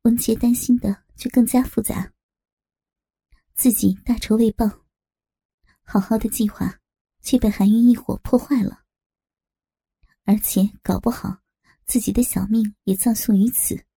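Gravelly woman narrating a crime audiobook. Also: a little high, unhurried, pauses often. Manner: steady dramatic storytelling.

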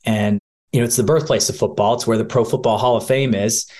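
A man's voice: medium pitch, steady tone, fast talker. A man in his forties from Ohio, a sportscaster telling stories in a casual interview, chatty with easy laughs. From Ohio, USA. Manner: chatty, warm storytelling with laughs. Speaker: sportscaster guest.

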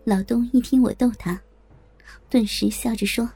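A woman narrating an audiobook in the first person, telling the story in a lively way and voicing the dialogue herself. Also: fairly high pitch, normal speed, husky, no echo, faint music behind.

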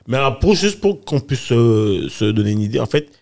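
A man interviewing a guest in casual conversation, curious and quick to react and sum up what he hears. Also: mid-range voice, sing-song, creaky, a little mellow.

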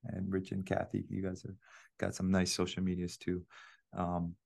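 A man's voice: low voice, completely flat delivery, normal speed, creaky, a little mellow. A man hosting a podcast, chatting casually with his guest and laughing often. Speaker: podcast host. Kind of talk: casual interview chat.

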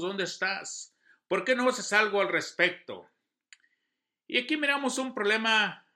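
A man's voice: sits high, pushed and bright. A man giving an earnest devotional sermon, reading scripture and news with emphasis. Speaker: preacher.

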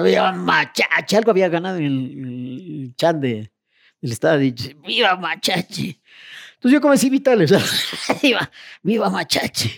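A man's voice: a little high, vocal fry. A middle-aged man, animatedly telling stories from his school days in casual chat and acting out the scenes. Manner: animated, acts out scenes with shouts, laughter and mimicked voices.

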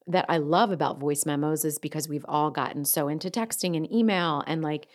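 Female co-host, Delco accent from around Philadelphia, lowish voice, loose off-the-cuff conversation, self-deprecating. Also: fairly quick. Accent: Delco, Philadelphia area. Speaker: podcast co-host. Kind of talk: casual conversational chat.

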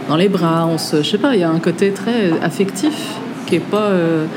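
A woman from France talks casually as an interviewer, her voice fairly low and relaxed. Clear café noise hangs behind her. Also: normal speed. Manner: chatty, relaxed, laughs easily. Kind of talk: casual conversation.

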